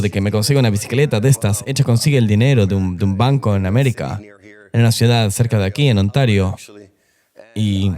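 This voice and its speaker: A middle-aged pastor speaks in a fairly low, somewhat dark voice. During an interview, he shares his personal testimony in an earnest, confessional manner.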